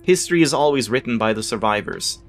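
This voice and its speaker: An expressive, fast-talking man with a mid-range voice hosts a let's play. He reads the in-game text aloud with casual asides, now and then tripping on unfamiliar words and correcting himself, as game music plays in the background.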